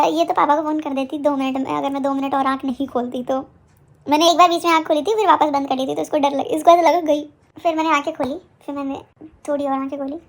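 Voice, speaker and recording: Young female vlogger with a high voice, chatty and animated, retelling an event. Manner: animated retelling, acting out what others said. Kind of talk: casual storytelling to camera.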